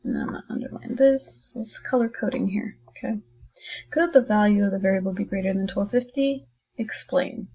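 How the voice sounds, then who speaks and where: A woman's voice: mid-range voice, normal speed, gravelly, mellow, breathy edge, lo-fi sound. A woman teacher talking her class through a math lesson in a recorded distance-learning video, chatty and encouraging, thinking aloud as she writes.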